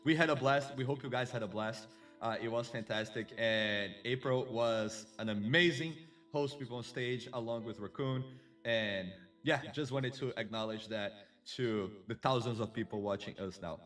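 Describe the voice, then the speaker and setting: A man's voice: medium pitch, moderate pace, a bit bright, far from the mic, soft background music. A man hosting a casual live stream, chatty and effusive, greeting viewers and a co-host.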